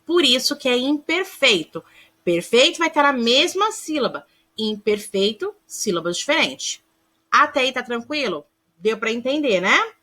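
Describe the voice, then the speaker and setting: This primary school teacher's voice is a little high, bright and forceful, swinging widely in pitch as she speaks slightly slowly. Teaching grammar in a recording, she breaks words into syllables, asks checking questions and warmly addresses the children as "amores."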